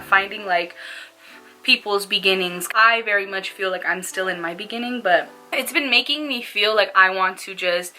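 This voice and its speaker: Bright-voiced young woman, laid-back stoner talk. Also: mid-range voice, low-quality recording. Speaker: small YouTube vlogger. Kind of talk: casual smoke-along chat to camera.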